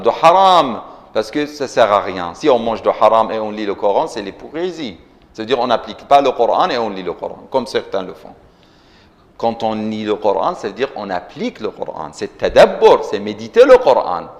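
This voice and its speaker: A man preaching a religious sermon, quoting Arabic scripture and explaining it, with sudden impassioned rises in pitch and volume. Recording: long reverb of a large hall.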